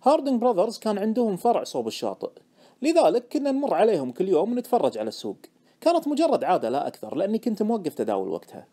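A man narrating an audiobook in the first person with expressive storytelling. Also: sits high, very fast.

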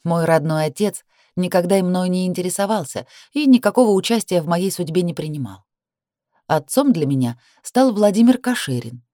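A woman reading a romance novel aloud in an expressive narrating voice. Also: moderate pace, no echo, studio quality. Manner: expressive reading, rising high for the heroine's cries. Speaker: audiobook narrator.

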